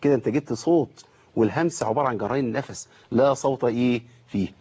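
A middle-aged man with an Egyptian accent teaching Quran recitation online, correcting students and slowly demonstrating each sound. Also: mid-range voice, darkish tone, breathy edge, dull audio. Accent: Egyptian Arabic. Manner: corrective, demonstrates letters slowly and repeats them. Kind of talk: online tajweed lesson.

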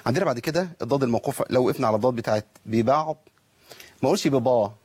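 A man's voice: medium pitch, very fast, a little mellow, slightly rough, dry recording. A man with an Egyptian accent teaching Quran recitation, asking questions and answering them himself. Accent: Egyptian Arabic. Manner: asks and answers his own questions, models pronunciations. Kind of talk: tajweed lesson with recited examples.

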